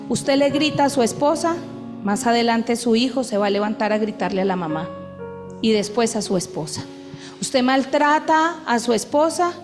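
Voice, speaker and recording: A high-voiced woman preaching to a congregation, firing off rhetorical questions and acting out the voices of the people in her stories. Her voice rings through a reverberant church hall. Soft instrumental music plays underneath her. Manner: emphatic preaching with acted-out quotes and rhetorical questions. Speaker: pastor. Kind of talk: sermon.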